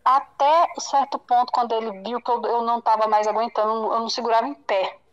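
A Brazilian woman giving an emotional personal testimony in an interview, halting and repeating herself as she acts out past conversations. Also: a little high, flat delivery, smooth, muffled recording. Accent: Brazilian Portuguese.

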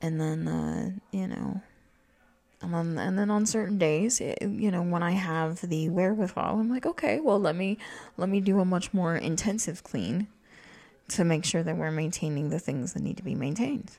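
A woman's voice: normal speed, a little mellow. A young adult woman talking in a rambling, casual monologue, full of fillers and restarts, acting out quoted lines. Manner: meandering, many fillers and restarts; acts out quoted voices with jumps in pitch. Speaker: podcast host.

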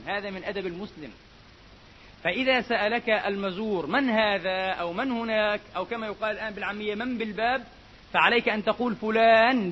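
A man's voice: sits high, a bit bright. A man preaching a Friday sermon in a mosque, emphatic and given to repeating key phrases. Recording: dull lo-fi recording with faint hiss.

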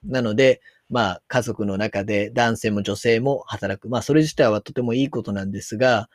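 A man's voice: fairly low pitch, moderate pace, dry recording, clean studio sound. A man with a Kansai accent giving casual commentary on a news article, musing aloud and reading passages out as he goes. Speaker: solo commentator.

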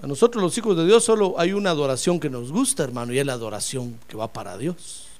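A man's voice: a little high, animated, fast, darkish tone. A man preaching a sermon with fervor, calling his listeners brother and acting out the voices he quotes.

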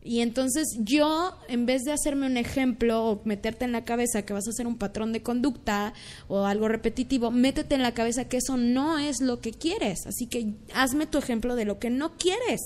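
Higher-pitched Mexican woman, earnest chat. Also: moderate pace, darkish tone. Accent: Mexican Spanish. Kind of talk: casual chat.

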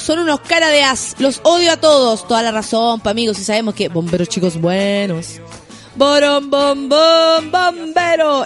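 High-voiced Chilean woman, chatty radio host. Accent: Chilean Spanish. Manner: chatty, laughs often, slangy and playful. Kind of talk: casual morning radio chat, reading listener messages.

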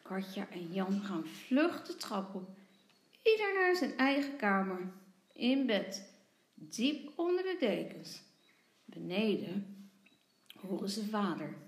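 A woman kindergarten teacher reading a picture book aloud to young children, with expressive storytelling. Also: medium pitch, takes it slowly, pauses often. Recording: roomy, echoey sound.

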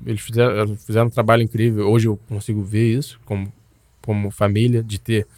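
A man's voice: on the low side, level tone, fast talker, a little mellow, dry recording. A young man, telling a personal story in a loose, slangy way, full of restarts and tags. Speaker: guest.

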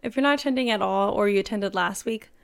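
Young woman with a gravelly, creaky voice. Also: mid-range voice, fast talker. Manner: laid-back, swears casually, trails off. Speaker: podcast co-host. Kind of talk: casual chat.

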